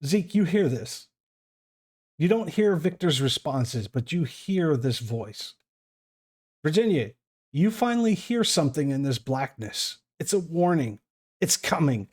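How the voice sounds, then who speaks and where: A man's voice: a little high, very animated, measured pace, a little mellow, slightly rough. A man acting as game master, narrating a tabletop role-playing game and addressing the players.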